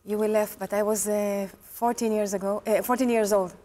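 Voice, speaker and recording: A woman in her forties, a guest in an interview, talking earnestly in halting English and laughing often. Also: mid-range voice, steady tone, mellow. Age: 40s. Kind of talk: casual interview chat.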